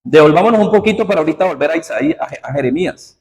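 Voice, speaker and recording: A man's voice: on the high side, expressive, rapid-fire. A man preaching a sermon, reading scripture aloud and prompting the congregation with questions. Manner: asks the congregation questions as he reads; uses formal usted address. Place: church hall. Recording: hall reverb, faint noise.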